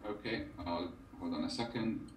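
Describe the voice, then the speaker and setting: Man on a remote call, low voice, internet call audio, echoey and distant over room speakers, halting with lots of ums. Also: slight background noise. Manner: halting, many ums and restarts. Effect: voice coming over an internet call, garbled at times. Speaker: remote presenter at a tech meetup. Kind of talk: technical presentation. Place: remote, at home.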